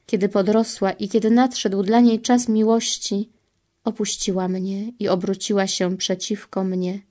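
A woman reading as Jesus, slow and sorrowful. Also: medium pitch, flat delivery, mellow, natural voice. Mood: grieving. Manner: solemn, sorrowful, slow and measured. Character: Jesus, grieving divine man, tender and pleading. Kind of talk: devotional reading.

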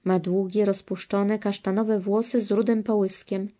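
A woman giving a devotional reading in a slow, hushed, reverent manner. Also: medium pitch, little pitch movement. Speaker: reader.

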